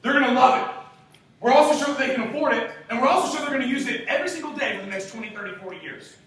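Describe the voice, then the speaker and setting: Young man, twenties, sales trainer, high-pitched, emphatic, rhetorical questions, casual swearing, very echoey room. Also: very fast, fairly bright tone. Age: 20s. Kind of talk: motivational sales training talk. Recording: very echoey room, distant mic, faint hiss.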